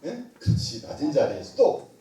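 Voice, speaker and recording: A middle-aged male pastor preaches in a high, lively voice that swoops up and down, tossing questions to his congregation and chuckling along the way. He sounds a little removed from the microphone, and the church rings with heavy echo. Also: moderate pace, creaky. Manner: animated, joking, quizzes the congregation, laughs often. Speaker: pastor, missionary. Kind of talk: lively sermon with call-and-response. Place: church sanctuary. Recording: echoey room, mic at a distance.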